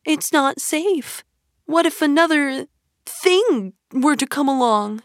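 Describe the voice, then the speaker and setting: A woman's voice: very animated, a little slow, a little mellow, husky, dry recording, studio quality, full character voice. A woman voicing a timid male mole who asks anxious questions in a raised, fretful voice. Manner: anxious, higher-pitched questions.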